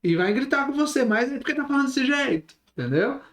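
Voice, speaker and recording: Brazilian male instructor, higher voice, animated, talks with his hands; roomy echo. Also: fairly quick. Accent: Brazilian Portuguese. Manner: expressive, gestures while talking. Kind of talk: recorded online class.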